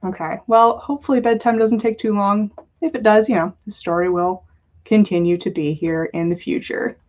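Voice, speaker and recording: Medium in pitch and darkish in tone, a woman speaks at normal speed while hosting a casual podcast livestream. She jokes playfully with her viewers, and the audio sounds dull and lo-fi.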